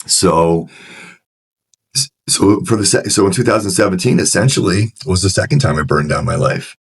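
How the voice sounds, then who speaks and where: A middle-aged man in recovery work, frankly telling his own story in conversation, restarting sentences often and getting animated as he relives moments. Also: low-pitched, moderate pace, husky. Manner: earnest and frank, frequent restarts, grows animated when retelling scenes. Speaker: recovery director, podcast guest. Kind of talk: candid personal storytelling in conversation.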